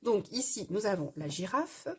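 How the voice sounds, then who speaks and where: Husky-voiced woman explaining a craft project. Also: mid-range voice, big pitch swings, moderate pace, darkish tone. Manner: hesitant, explanatory, frequent "euh" fillers. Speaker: craft tutorial host. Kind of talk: casual crafting tutorial voice-over.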